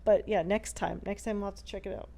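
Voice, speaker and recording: A woman's voice: mid-range voice, fairly even intonation, fast talker, vocal fry, dark tone. A woman speaking casually as a podcast guest. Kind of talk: casual chat.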